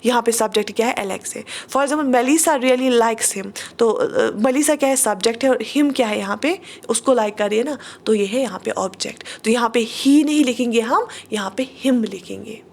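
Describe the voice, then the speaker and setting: A woman teaching an online English grammar class, explaining patiently, asking the class questions and slowing down to read out examples. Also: fairly high pitch, vocal fry.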